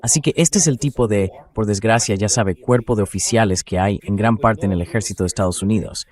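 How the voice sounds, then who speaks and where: This is a synthetic AI dubbing voice, male and fairly low, laid over an interview and running a little fast with a slightly mellow sound. Cast as a guest commentator, he delivers political and military analysis bluntly and dismissively, with a sardonic edge.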